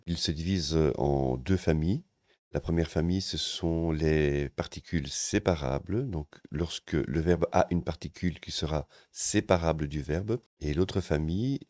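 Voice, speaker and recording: A man with a very low voice teaches grammar in a calm, methodical way, pausing now and then to find his words. The sound is dry and close, with no room around it. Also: no echo. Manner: calm, methodical, with occasional hesitations. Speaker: language teacher. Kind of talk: explanatory grammar lesson.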